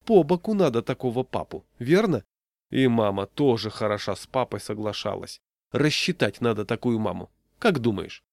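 A man's voice: mid-range voice, lively intonation, moderate pace, creaky, a little mellow, no echo, studio quality. A man reading a storybook and voicing a jolly, teasing adult friend who giggles a lot. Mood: mock surprise.

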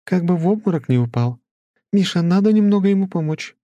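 A man voicing a brisk, practical young woman who speaks matter-of-factly. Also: high-pitched, expressive, mellow, no echo, lo-fi sound, pitched above the performer's own voice.

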